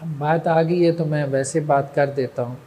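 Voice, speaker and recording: A man's voice: fairly high pitch, steady tone, moderate pace, dark tone. A man giving a religious lecture, who keeps asking rhetorical questions and checking that his listeners follow. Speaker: religious teacher. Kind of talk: lecture on moral training. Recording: long reverb.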